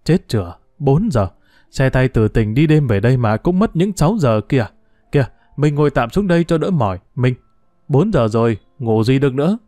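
A man's voice: medium pitch, expressive, moderate pace, dark tone, no room sound, clean studio sound, close to an everyday voice. A man narrator voicing a hot-headed grown son who blusters and threatens. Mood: fussing.

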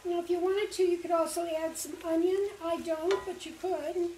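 A woman's voice: extremely high pitch, steady tone, moderate pace, noisy background. An older woman patiently explaining a recipe step by step for kids in a home kitchen, recorded by a camera a few feet away. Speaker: library cooking instructor for kids. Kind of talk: cooking demonstration. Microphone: far camera. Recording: echoey kitchen from a distance. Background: faint sizzling of frying meat.

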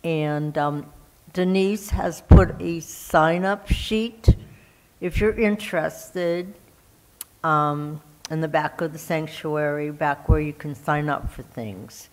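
A woman's voice: deep voice, slow pace, darkish tone, rough recording. A woman giving church announcements to a congregation, hesitant and full of fillers as she speaks.

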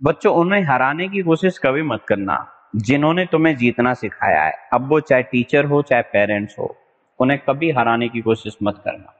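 A man from Rajasthan gives a vocabulary lesson for exam students. His voice sits at an ordinary middle pitch and often stretches and repeats words, and he spells out letters one by one. The sound is thin and phone-like, with a long hall reverb trailing behind. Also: animated. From Rajasthan, India. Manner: explains in a mix of Hindi and English, drawn-out repeated words, spells out letters. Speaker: exam-prep English teacher.

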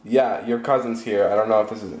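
A man's voice: fairly low pitch, fairly even intonation, fast talker, a little mellow. A young man vlogging at home in casual chat, playful and giggly, laughing often.

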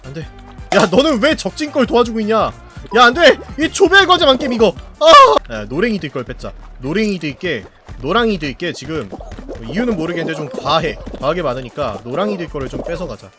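A man streaming a party game, commenting live, often yelling and laughing at the action and cursing at rival players. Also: sits high, sing-song, brisk, over music. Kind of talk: excited gameplay commentary.

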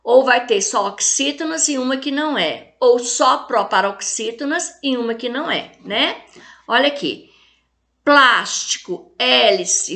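A Brazilian woman teaching a recorded lesson for children, with a high voice that sits well above most women's. She takes her time, speaking slowly and patiently, and her tone is bright and a little sharp. She keeps checking in with the class to encourage them. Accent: Brazilian Portuguese. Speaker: primary school teacher.

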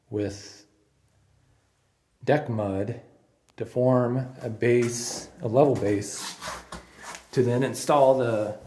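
A man filming his own basement renovation, calmly talking through the work as he goes and thinking out loud with small restarts and fillers. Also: medium pitch, slight background noise. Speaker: DIY home renovator. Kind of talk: casual first-person narration. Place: unfinished basement room indoors.

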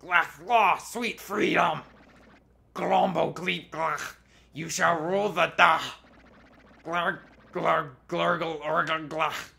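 A man's voice: on the high side, steady tone, slow, gravelly, bright, forceful tone, full character voice. A man voicing a monstrous, ranting piranha plant boss from a video game, exclaiming guttural nonsense syllables. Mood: gloating.

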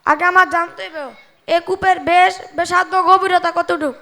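A man's voice: extremely high pitch, little pitch movement, normal speed, sharp tone, full character voice. A young male actor playing a self-important engineer son who brushes off his father, speaking colloquial Bangladeshi Bengali. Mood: pompous. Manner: pompous, dismissive. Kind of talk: amateur stage drama.

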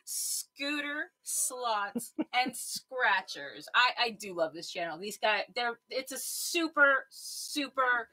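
Bright-voiced woman calling out scratch-ticket numbers. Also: on the high side, sing-song, takes it slowly, hardly any pauses, low-quality recording. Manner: chatty, calls out numbers as she scratches. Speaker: co-host of a scratch-ticket live stream. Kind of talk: casual chat while scratching tickets.

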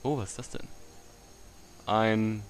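Low-voiced gamer muttering commentary. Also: male voice, takes it slowly, a little hiss or hum. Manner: chatty, muttering to himself, excitable outbursts. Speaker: let's play gamer. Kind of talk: casual gameplay commentary.

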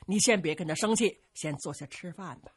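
A woman voicing a calm, gentle male hero who speaks softly and soothingly. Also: on the low side, fairly quick, husky.

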